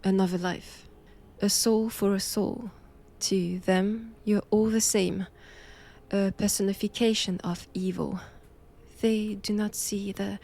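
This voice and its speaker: A medium-pitched woman with a French accent takes on the role of a solemn, self-assured Vatican nun pursuing knowledge of vampires. Her hushed, deliberate delivery in this intimate audio roleplay feels grave and resolute.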